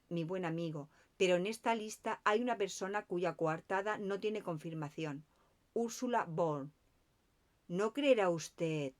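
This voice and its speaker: A woman's voice: medium pitch, natural voice. A woman reading the lines of a meticulous Belgian male detective in an audiobook, with precise, insistent questioning. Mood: probing.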